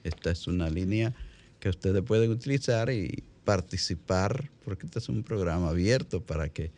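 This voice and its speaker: A man with a Dominican Caribbean Spanish accent hosting a radio talk show in an unscripted way, halting and repeating phrases as he explains. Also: low voice, lively intonation, darkish tone.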